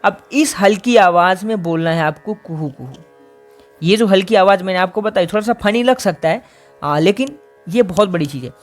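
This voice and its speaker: A man's voice: high voice, a little fast, faint music behind. A man teaching a singing lesson, explaining vocal exercises patiently step by step.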